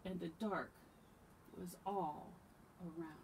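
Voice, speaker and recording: A woman reading a picture book aloud to camera, expressive with dramatic pauses. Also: fairly low pitch, noisy background. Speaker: storyteller.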